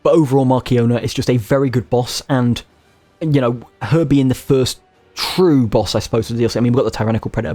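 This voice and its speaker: A man's voice: medium pitch, mellow. A man giving casual, rambling commentary over gameplay, joking as he goes and often restarting his sentences. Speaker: gaming video creator.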